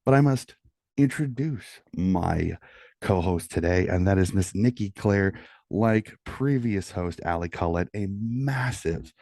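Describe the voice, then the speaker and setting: A middle-aged man with a deep voice hosts a sports round-up, keeping it quiet as if others are asleep at night. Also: expressive, a little slow, no echo, studio quality. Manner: hushed, quieter than normal late-night-radio delivery so as not to wake someone. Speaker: sports podcast host. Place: small room at home. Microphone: close studio mic with pop filter.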